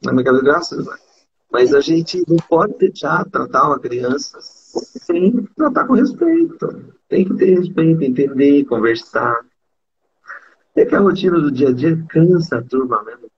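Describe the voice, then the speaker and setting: A man's voice: a little high, expressive, normal speed, breathy edge. A man hosting a casual live chat about parenting, reading viewer comments aloud. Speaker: host. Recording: dull lo-fi audio.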